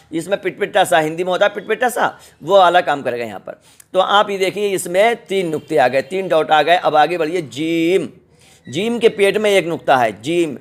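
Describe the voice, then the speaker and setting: Sounding letters out slowly and repeating them patiently, a middle-aged man teaches the Quran's alphabet in a recorded lesson. He has a high-pitched voice.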